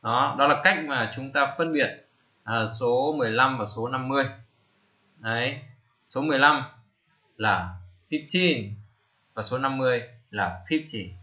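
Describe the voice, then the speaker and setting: A man gives a slow screen-recorded lesson, repeating each word and filling his pauses. His voice is bright and forward, and the lo-fi recording sounds a little dull and muffled. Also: medium pitch. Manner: slow, repeats each term, many fillers. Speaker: English teacher.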